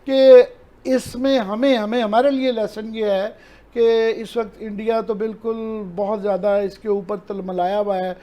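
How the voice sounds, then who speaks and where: A man with a Pakistani Urdu accent speaks as a talk-show analyst. His voice sits high for a man and has a mellow, soft tone. He explains things earnestly and sprinkles in English terms. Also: little pitch movement. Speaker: political analyst.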